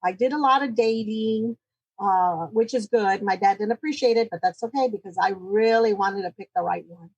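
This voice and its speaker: A woman of sixty-nine, a guest chatting warmly about her marriage, quick to laugh and joke about herself. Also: medium pitch, slightly rough, highs cut off. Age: 60s. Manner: chatty, laughing, self-joking. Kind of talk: casual interview chat.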